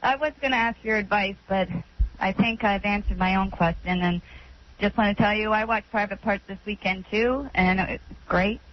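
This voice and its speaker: A woman's voice: mid-range voice, moderate pace, a little hiss or hum. Woman caller on a dull phone line. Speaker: listener calling a radio show. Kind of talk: casual, hesitant phone chat.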